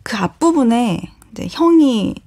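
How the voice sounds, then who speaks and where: A woman's voice: a little high, big pitch swings, measured pace, vocal fry. Thoughtful woman guest in a radio studio. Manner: thoughtful, gently earnest retelling. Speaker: novelist guest. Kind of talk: relaxed radio book talk. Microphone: studio microphone.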